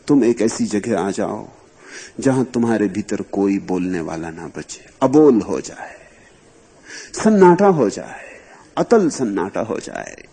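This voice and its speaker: Spiritual teacher, male, lively rising pitch, husky tone, measured talk with sudden stresses. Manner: slow, emphatic, rising to sudden high stresses. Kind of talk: discourse on mystic poetry.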